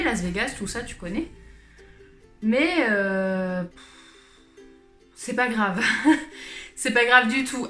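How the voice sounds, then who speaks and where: This vlogger and channel host, a late-twenties woman born in Switzerland to Portuguese parents, has a higher, bright, pushed voice. Talking to camera in a laid-back, confessional way, she pokes fun at herself and rambles, sighing and laughing softly, over music in a roomy, echoing space.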